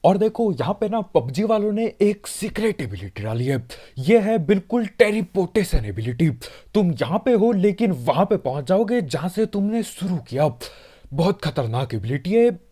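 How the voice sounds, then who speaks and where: A man's voice: high-pitched, big pitch swings, normal speed, mellow, slightly rough. A man narrating his own gameplay in a casual, joking voice-over, talking straight to his viewers. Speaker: gaming channel host.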